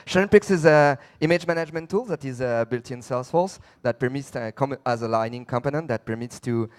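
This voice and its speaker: A man's voice: mid-range voice, a little fast, clean tone. A man from France with a French accent presenting a live product demo, speaking with frequent hesitations. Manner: hesitant with many uh fillers. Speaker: app presenter.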